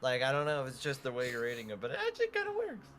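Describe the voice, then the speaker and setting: Man, casual chat, rambling, lively pitch. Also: racing, slight background noise. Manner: relaxed, rambling. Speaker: co-reader commenting.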